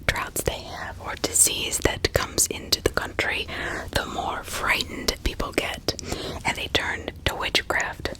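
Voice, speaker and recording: Whispering breathily, a female ASMR host walks through a true crime case, pausing often in the middle of sentences and adding asides for the listener. The tone is bright and forceful, and the recording is rough.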